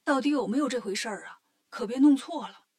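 A woman voicing an old male court official who plays peacemaker in a children's story, speaking softly and coaxingly. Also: a little high, quick pace, no echo, clean studio sound, lightly acted. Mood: hushed.

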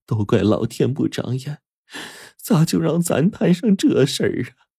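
A man voicing a distraught aging mother who pleads in a high, wailing lament. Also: big pitch swings, a little slow, vocal fry, mellow, slightly rough, exaggerated voice. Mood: despairing.

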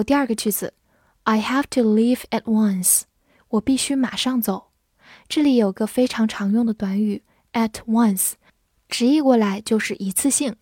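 A woman teaching English words in Chinese, spelling each word out letter by letter and reading example sentences slowly. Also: a little high, darkish tone, breathy edge, dry recording, studio quality. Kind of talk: vocabulary lesson.

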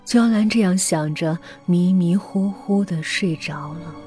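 A woman narrating a scripted ghost story with a dramatic, suspenseful delivery, dropping to a hush and then rising to tense peaks. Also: lowish voice, measured pace, faint music behind. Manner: dramatic, suspenseful delivery with hushed and heightened passages. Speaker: storyteller host.

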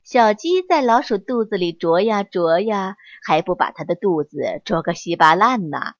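Woman reader voicing a wry storybook master, low and teasing, dull dry recording. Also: expressive, normal speed, no room sound, close to an everyday voice. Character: calm, wry adult owner of the monkey.

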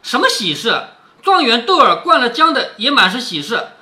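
A man voicing a proud young maid who answers with sharp, scornful retorts, read aloud from a classic novel. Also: very high-pitched, big pitch swings, moderate pace, heavily acted. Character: proud, furious young maid refusing a match. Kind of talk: storybook reading aloud.

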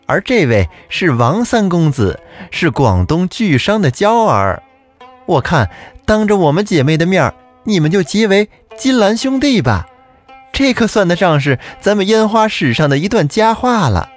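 A man's voice: sits high, big pitch swings, moderate pace, faint music behind, pitched above the performer's own voice. A male storyteller voicing a pushy young courtesan woman who calls out to introduce two young men. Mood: eager, coaxing.

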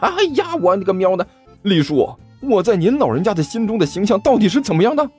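A man's voice: wildly swooping pitch, fairly quick, a little mellow, husky, soft background music, exaggerated voice. A man voicing a cheeky, chubby young man who sounds exasperated and whiny. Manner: whiny, exasperated, high-pitched.

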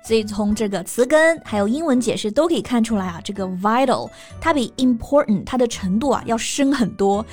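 A woman's voice: fairly high pitch, animated, fairly quick, hardly any pauses, breathy edge. Woman co-host spelling out English words. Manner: explanatory, spells out words letter by letter. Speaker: co-host of English lesson podcast. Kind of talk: bilingual scripted teaching chat. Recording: soft music behind.

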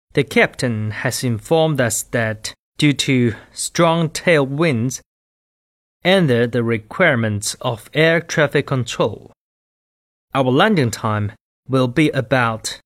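A man reading a scripted cabin announcement in the formal, measured manner of a flight attendant. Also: mid-range voice, dry recording, clean studio sound.

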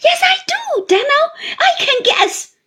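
With big pitch swings and drawn-out words, a woman acts heavily as a tearful old woman clinging on and pleading desperately. Her darkish voice rises into high wailing pleas and breaks into sobbing.

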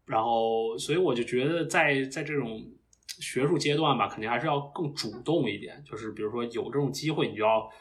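Young male podcast guest, mid-pitched, reflective and meandering, restarts often. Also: brisk. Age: young adult. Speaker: guest, recent PhD graduate. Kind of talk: casual podcast interview.

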